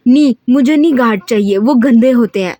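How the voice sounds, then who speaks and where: A woman's voice: on the high side, moderate pace, darkish tone, dry recording, clean studio sound, natural voice. Woman doing a sulky childlike girl, whiny. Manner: whiny, pouting. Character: childlike young woman, tantrum-prone and sulky.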